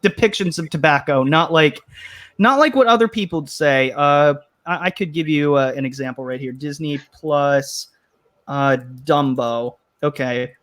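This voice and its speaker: A man's voice: on the high side, unhurried, fairly bright tone. A man hosting a casual online panel chat, rambling a bit and reading viewer comments aloud. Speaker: host.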